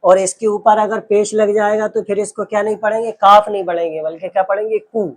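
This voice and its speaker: A man's voice: sits high, flat delivery, brisk. A man teaching a patient lesson, sounding out letters one by one and explaining with rhetorical questions. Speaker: Urdu teacher. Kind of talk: slow, patient classroom lesson.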